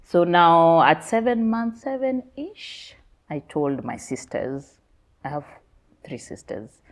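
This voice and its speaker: A woman's voice: on the low side, big pitch swings, takes it slowly. A Kenyan woman in her thirties, a podcast guest candidly telling her life story, laughing often and mixing Swahili slang into her English. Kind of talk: personal storytelling interview.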